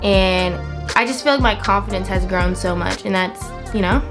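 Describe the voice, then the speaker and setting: Over music, a woman of twenty-one hosts her own vlog and talks casually to her viewers at normal speed with a medium-pitched voice. She's chatty, cheerful and encouraging, leaning on emphatic repetition.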